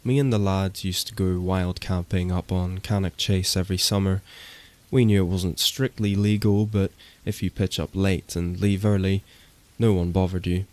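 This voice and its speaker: A man giving a steady, matter-of-fact scripted horror narration. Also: sits low, normal speed.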